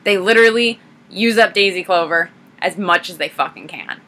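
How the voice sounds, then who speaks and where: Bright, profane woman recapping a film. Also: on the low side, normal speed. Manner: animated, profane retelling. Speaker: film reviewer. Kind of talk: casual film review vlog.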